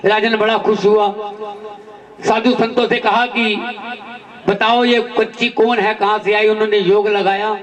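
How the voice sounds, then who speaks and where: High-voiced male devotional storyteller. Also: level tone, unhurried, far from the mic, lo-fi sound. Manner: addresses devotees, calls out refrains.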